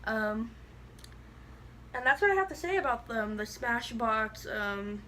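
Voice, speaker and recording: A woman's voice: fairly high pitch, expressive, measured pace, pushed and bright, a little hiss or hum. A woman with a lisp that makes her s sound slushy, chatting casually and bluntly through a product review, rambling with lots of "like". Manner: blunt, rambling, heavy use of "like".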